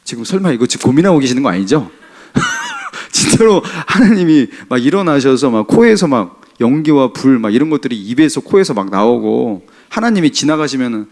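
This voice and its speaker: A male pastor giving a Sunday sermon in a church, asking the congregation questions and acting out little scenes as he reads. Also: mid-range voice. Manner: lively, asks the congregation questions and acts out scenes.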